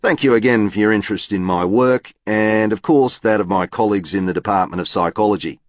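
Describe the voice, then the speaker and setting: A man reading the part of a smooth, socially skilled male professor. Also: fairly low pitch, brisk, dry recording, clean studio sound, pitched above the performer's own voice, natural voice. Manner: smooth and charming.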